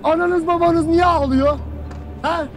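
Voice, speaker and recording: A furious army captain shouting down his troops. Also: extremely high pitch, steady tone, a little slow. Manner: stern, repetitive harangue swinging to shouting. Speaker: army captain commanding soldiers. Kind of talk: film acting.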